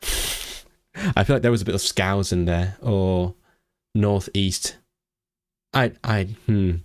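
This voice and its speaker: Man from Hong Kong, non-southern English accent, lowish voice; loose, rambling livestream chat with lots of restarts. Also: slow pace, dry recording, clean studio sound. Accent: vague non-southern English. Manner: rambling, repeats and restarts words, jumps up in pitch when excited. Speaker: language-learning streamer. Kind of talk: casual livestream chat reading out comments.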